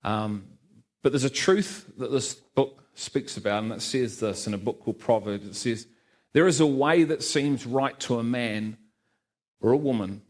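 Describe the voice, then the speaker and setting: Middle-aged man, church testimony, earnest, heartfelt, medium pitch. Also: normal speed, darkish tone. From Liverpool, England. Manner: earnest, heartfelt, with light asides to the congregation. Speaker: guest speaker giving testimony.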